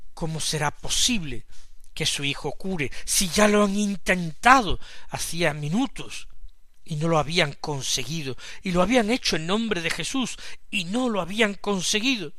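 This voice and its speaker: A man from gives a radio Gospel reflection in a fairly high, bright voice. He speaks slowly and deliberately, building to sudden forceful swells of emphasis. The sound is close and dry. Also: expressive, no echo. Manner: slow, measured, with sudden emphatic swells in loudness. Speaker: preacher commenting the daily Gospel.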